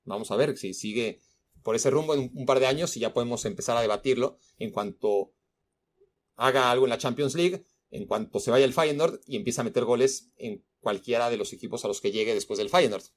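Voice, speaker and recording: A man's voice: mid-range voice, a little fast. A man giving casual, opinionated football analysis on a podcast, emphatic at times.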